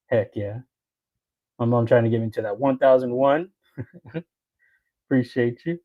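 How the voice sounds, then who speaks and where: A man's voice: mid-range voice, no room sound, highs cut off. Brief: easygoing male livestream host, casual chatty delivery, close dry mic, frequent chuckles. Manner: laid-back, chuckles often, greets viewers by name. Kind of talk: casual livestream chat, reading comments.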